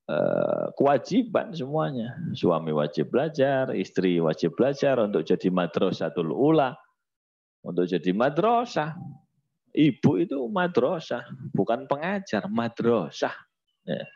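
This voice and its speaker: A man's voice: mid-range voice, unhurried, vocal fry, breathy edge, dull audio. A male religious teacher giving a lesson with jokes, mixing Arabic recitation with casual, teasing talk. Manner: lively, teasing, mixes Arabic recitation with colloquial speech.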